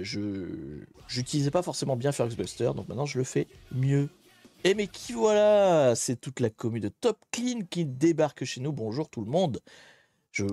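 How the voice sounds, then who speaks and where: A laid-back male streamer talks on a close desk mic in a dry, roomless sound. He thinks aloud as he goes and greets his viewers in the chat. His voice sits at a middling pitch, and his delivery is relaxed and a little self-mocking. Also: no echo. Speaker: livestream host. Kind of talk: casual live commentary.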